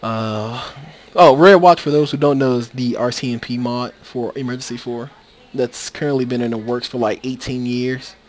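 A man's voice: mid-range voice, steady tone, normal speed. A man giving casual, rambling gameplay commentary into a USB microphone, with many fillers and restarts. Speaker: video game commentator. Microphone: USB microphone that cuts out.

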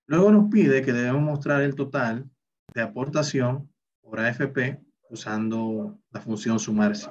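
A man's voice: medium pitch, measured pace, darkish tone, distant mic. A man teaching a recorded online spreadsheet class, explaining each step and talking through every calculation aloud. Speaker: Excel instructor. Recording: slightly dull, lo-fi recording.

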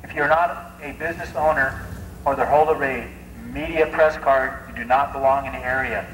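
A sheriff's department officer, a man, giving firm evacuation orders over a blaring public-address loudspeaker. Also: medium pitch, fairly even intonation, fairly quick. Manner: firm, stern commands. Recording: echoey loudspeaker heard outdoors, noisy.

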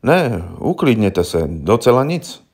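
A man's voice: medium pitch, big pitch swings, darkish tone. A man voicing a young, naive defense lawyer who speaks formally and patiently, explaining things to his client. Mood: earnest.

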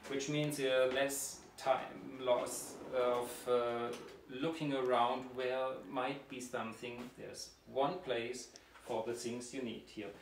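Slow, halting man touring a dental clinic. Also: medium pitch, flat delivery. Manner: slow, halting, with many fillers and restarts. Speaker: dentist giving a clinic tour. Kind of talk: guided tour, explaining while walking. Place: indoors, a dental clinic treatment and sterilization room. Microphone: camera mic from a few steps away. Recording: roomy, distant, with clear background noise.

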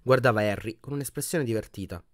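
A man narrating an audiobook in an expressive reading voice that often drops to a hushed tone. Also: medium pitch, fast talker, no echo, studio quality. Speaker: audiobook reader.

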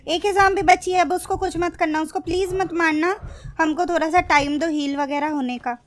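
A woman's voice: very high-pitched, fairly even intonation, brisk, a little hiss or hum. A woman giving frantic commentary while playing a zombie shooter, exasperated, swearing often and pleading with her teammates. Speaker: mobile game streamer.

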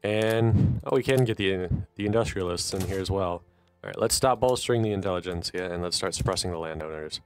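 A man's voice: sits low, a little fast. A man with a stuffy, nasal voice from allergies, giving casual, wry commentary while playing a strategy game. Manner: chatty and wry, thinking aloud while playing. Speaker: gaming channel host.

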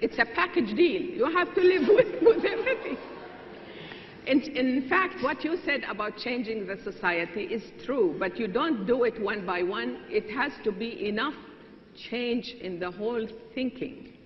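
A woman's voice: on the high side, expressive, moderate pace, a little hiss or hum. An older woman on a debate panel, lecturing with laughing asides, recorded on a TV studio stage with a lapel mic. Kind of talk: televised debate argument. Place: TV studio stage, large hall. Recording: roomy, dull hall recording.

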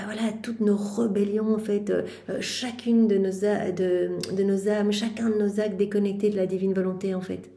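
A woman talks through a devotional text in an earnest, gentle way, stopping and restarting often and filling the gaps. Her voice is very dark and mellow and stays almost flat in pitch. The room around her rings with echo. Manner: hesitant, halting, many fillers and restarts. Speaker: lay prayer leader. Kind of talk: spiritual commentary on a devotional text.

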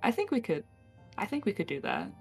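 A woman's voice: mid-range voice, huge pitch swings, brisk, darkish tone, slightly rough, soft background music. A woman playing her character in a tabletop game, casual and playful. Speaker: player.

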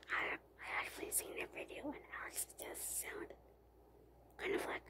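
A young woman whispering through a rambling, casual vlog, pausing often with fillers. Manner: rambling, halting with many fillers. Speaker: vlogger.

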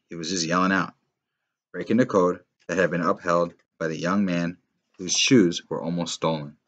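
Teacher guy reading a novel out loud, deep voice, steady, little slips here and there. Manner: steady storytelling, occasional slips and restarts. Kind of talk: reading a book aloud.

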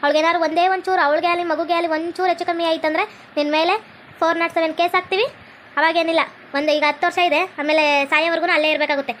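A woman's voice: extremely high pitch, steady tone, racing, a bit bright, slight background noise. A woman, scolding and threatening as a stern police officer in a village comedy skit. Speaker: comedy sketch creator playing a police officer.

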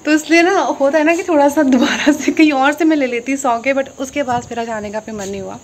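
Young woman vlogger, chatty and quick, high voice. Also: slight background noise. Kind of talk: casual chat.

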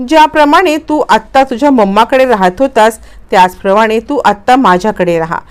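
A woman voicing a calm, caring husband and father in a story recap, with a gentle, reassuring manner. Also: a little high, a little fast, clean tone, lightly acted. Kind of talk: read-out dialogue in a story recap.

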